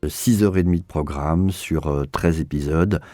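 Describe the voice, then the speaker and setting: A very deep, mellow male voice, recorded without echo, moves at a moderate pace. The man is an audio drama director in an interview, answering on the spot with earnest searching, often circling back over the same words while he finds his next thought.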